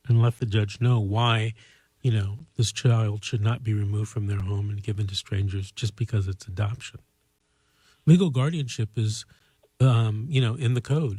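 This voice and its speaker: Man, call-in host, husky and mellow, very dry sound, earnest conversational advice, measured phrasing. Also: fairly low pitch, no room sound.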